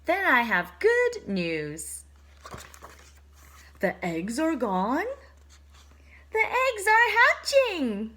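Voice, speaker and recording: A woman voicing a calm, cheerful female pig in a storybook, giving plain, matter-of-fact answers. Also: high voice, very slow, pauses often, full character voice.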